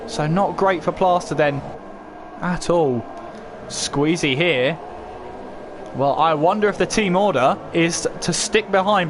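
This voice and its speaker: Guy commentating a car race live, motorsport commentator style, highish voice, asks questions as he calls it, noisy behind him. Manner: running play-by-play with rhetorical questions.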